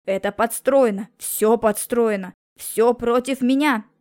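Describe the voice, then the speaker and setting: A woman voicing an outraged middle-aged businessman father with an explosive temper, shouting in slow, heavy bursts for an audiobook. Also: mid-range voice, lightly acted. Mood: furious shouting. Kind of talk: audiobook character reading.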